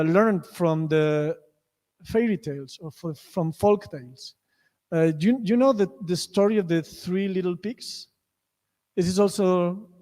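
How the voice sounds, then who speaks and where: A man with a Spanish accent, a native Spanish speaker, giving a conference lecture with many restarts and self-corrections. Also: sits high. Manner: many restarts, acts out story lines loudly. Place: lecture hall. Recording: reverberant lecture hall.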